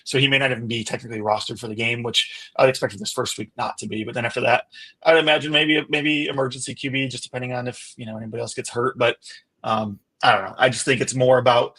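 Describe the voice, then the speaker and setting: A man's voice: medium pitch, steady tone, fast, sharp tone, slightly rough. A man, the show's regular medical analyst, explaining things in casual podcast chat, thinking aloud with lots of ums and you-knows.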